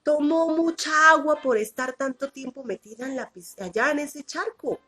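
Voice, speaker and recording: A woman's voice: high-pitched, normal speed, pushed and bright, faint music behind, pitched above the performer's own voice. Woman doing a tender old grandpa. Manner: tender, coaxing. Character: gentle old grandfather, soothing storyteller.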